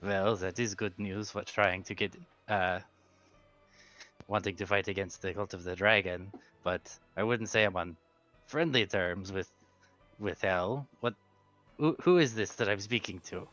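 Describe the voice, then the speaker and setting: A man voicing a wary, brooding schemer with a gravelly voice and curt, hesitant speech in a tabletop game. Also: sits low, unhurried, a bit bright, dull audio, faint music behind. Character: gravelly, wary male schemer on a magic speaking stone. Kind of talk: tabletop role-play.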